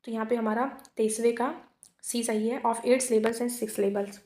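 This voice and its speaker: A woman teacher going through exam multiple-choice questions, reading each one slowly in English and then explaining it quickly in Hindi. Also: on the high side, fairly even intonation, warm tone, roomy sound. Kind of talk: exam quiz lesson.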